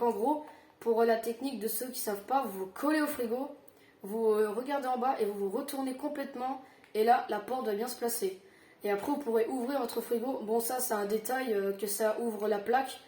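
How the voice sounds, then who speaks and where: A tired woman giving a casual Minecraft building tutorial, halting with fillers and self-corrections. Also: a little high, mellow, roomy sound.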